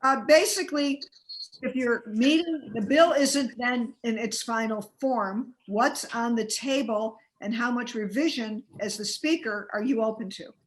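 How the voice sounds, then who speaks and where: Higher-voiced woman questioning in an interview. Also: rough recording. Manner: halting, restarting questions, interjecting. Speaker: interviewer, journalist. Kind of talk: live panel interview, questioning.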